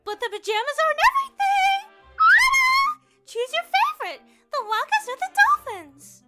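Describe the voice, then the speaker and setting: A prissy, bossy cartoon princess with an extremely high voice that swoops wildly up and down. She gushes in a mock-regal, theatrical way over loud, playful children's music. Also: huge pitch swings, moderate pace, exaggerated voice. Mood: chirpy. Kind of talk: animated comic dub acting.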